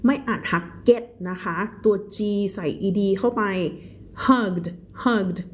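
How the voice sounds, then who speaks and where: A woman teacher on a live stream, reading English aloud slowly word by word and then explaining in quick, chatty Thai. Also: mid-range voice, slight background noise.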